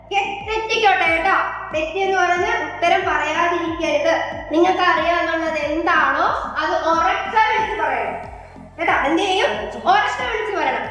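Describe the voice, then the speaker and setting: A woman's voice: very high voice, moderate pace, a bit bright. A woman teaching abacus to a group of children in a classroom, coaxing them with sing-song questions. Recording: very echoey room with faint music.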